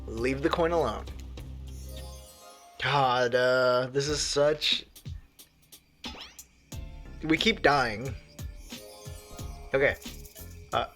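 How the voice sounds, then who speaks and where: A man's voice: mid-range voice, drawn-out words, pauses often, soft background music. Jokey man reading game text aloud. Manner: jokey, talks to viewers, bursts into loud exasperated shouts. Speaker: gaming video creator.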